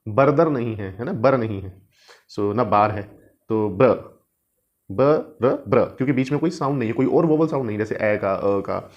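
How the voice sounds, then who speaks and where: A man's voice: lowish voice, muffled recording. A man teaching spoken English, switching between Hindi and English and repeating each point in both languages. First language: Hindi or Urdu. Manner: sounds out letters slowly and drawn out.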